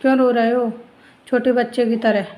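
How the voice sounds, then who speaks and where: A woman's voice: fairly high pitch, level tone, moderate pace, darkish tone, natural voice, poor audio. A woman voicing a hurt young married woman who speaks in a stern, firm way.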